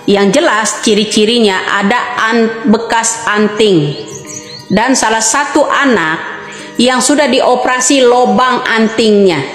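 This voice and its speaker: A high-pitched woman in her fifties hammers home her point, firing the same rhetorical questions again and again. Her voice rings through a reverberant, echoey room with long reverb. Faint music sits underneath. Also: slow pace. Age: 50s. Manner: insistent, repeats rhetorical questions. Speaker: online commentator. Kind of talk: impassioned monologue to camera.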